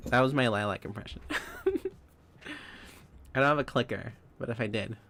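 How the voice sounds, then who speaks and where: A man's voice: mid-range voice, moderate pace, sharp tone, a little hiss or hum. A young man streaming live, chatting casually with viewers, giggling often and rambling through restarts.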